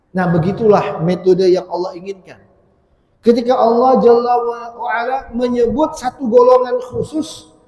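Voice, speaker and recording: A man's voice: high voice, a little mellow. A man giving a Quran commentary lecture in a mosque, with an Indonesian accent, asking the audience questions and repeating key words for emphasis. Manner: asks the audience questions, stresses points by repeating them. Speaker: religious teacher. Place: mosque hall. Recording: echoey hall with long reverb.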